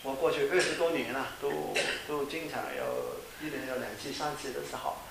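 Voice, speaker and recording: A man's voice: medium pitch, steady tone, brisk, gravelly. Man preaching a chatty sermon, echoey room. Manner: conversational preaching with frequent tag questions and fillers. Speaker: pastor. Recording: echoey room with faint hiss.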